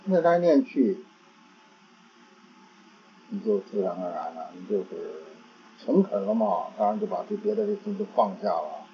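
Halting man giving a dharma talk. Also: medium pitch, sing-song, vocal fry, slight background noise. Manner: halting, repeats words while searching for phrasing. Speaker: Buddhist teacher. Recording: dull lo-fi recording.

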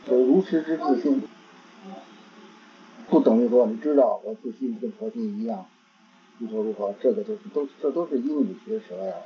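A man giving a Buddhist dharma talk, halting and repeating words as he searches for phrasing. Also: a little high, lively intonation, slight background noise. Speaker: Buddhist teacher. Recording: dull lo-fi recording.

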